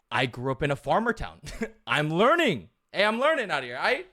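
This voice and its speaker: Animated, swearing man telling a story. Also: fairly high pitch, unhurried. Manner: animated, profane, self-mocking. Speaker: streamer telling a travel story. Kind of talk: casual storytelling.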